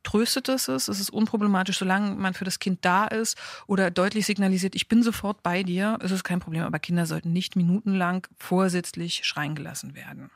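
A woman's voice: fairly low pitch, steady tone, brisk, creaky, no echo, studio quality. A woman in her thirties co-hosting a parenting talk show, explaining earnestly and with emphasis. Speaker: parenting podcast co-host. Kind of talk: casual informative chat.

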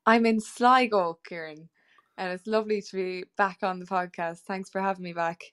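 A woman's voice: medium pitch, fairly even intonation, moderate pace, a bit bright, smooth. A young woman with a West of Ireland accent, chatting in a jokey, casual way as a podcast guest. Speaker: guest musician.

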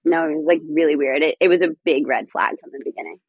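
Low, husky-voiced young woman chatting. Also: quick pace, no room sound, dull audio. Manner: chatty, many "like" fillers, animated storytelling. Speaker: podcast guest, personal assistant. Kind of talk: casual podcast chat.

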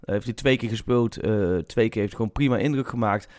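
Brabant-nijmegen sounding guy on a podcast, firm opinions, normal pitch. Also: fast talker, darkish tone. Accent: Brabant-Nijmegen Dutch. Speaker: football journalist, co-host. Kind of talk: casual podcast chat.

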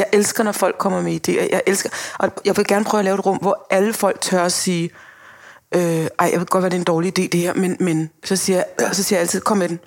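A woman director talking casually on a podcast, animated, acting out quotes and laughing as she talks. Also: on the low side. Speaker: film director, guest.

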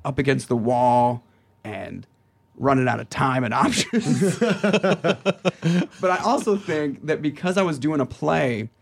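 A man in his forties, an actor guest in a casual chat, telling animated stories with a gravelly, husky voice. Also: fairly high pitch, slow, long pauses. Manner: animated storyteller, acts out quotes.

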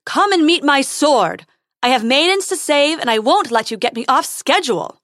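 A boastful young prince calls out loudly and a little high, acted by a woman reading aloud. The sound is close and dry. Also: expressive, moderate pace, dry recording. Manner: hesitant, squeaky. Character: young nervous male knight prince, boastful.

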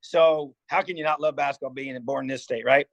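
Speaking briskly with vocal fry and a steady, medium-pitched tone, an Indiana man in his fifties recounts his life as a guest in a casual interview. The head football coach rambles earnestly, often restarting and saying "you know." The lo-fi audio has no room sound.

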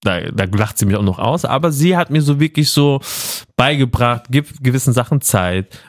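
A man's voice: medium pitch, expressive, normal speed, no room sound, clean studio sound. A man co-hosting a casual chat in slangy speech with English and Arabic words, often repeating himself. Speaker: podcast co-host.

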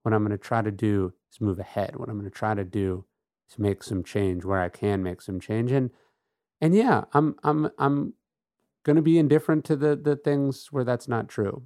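A middle-aged podcast host reflects on philosophy in an earnest, emphatic, conversational monologue, often checking in with "right?". His voice is mid-range and darkish, at normal speed. The recording is dry and studio quality.

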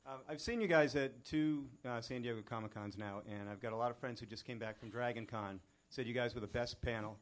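A man's voice: medium pitch, fairly quick, few pauses. A man from the audience asking a question at a live show, friendly and a little hesitant. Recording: noisy live venue.

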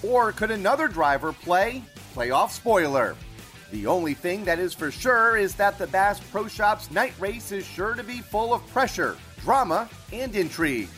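A man's voice: high-pitched, big pitch swings, measured pace, a bit bright, faint music behind. A man delivering a scripted sports report as a motorsport radio reporter.

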